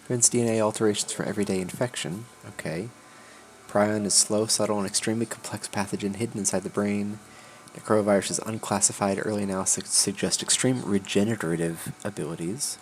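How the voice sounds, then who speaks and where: A man's voice: fairly low pitch, steady tone, fairly quick, slight background noise. A man hosting a casual game stream, laid-back, reading game text aloud with dry asides. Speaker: channel host. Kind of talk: casual gaming chat.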